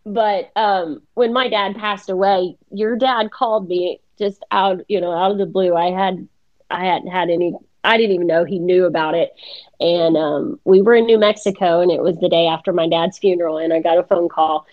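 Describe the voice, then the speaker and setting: A woman's voice: lowish voice, steady tone, normal speed. A woman hosting a casual faith chat, telling stories and laughing often. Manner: warm storytelling, laughs often. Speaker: podcast host. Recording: dull lo-fi sound.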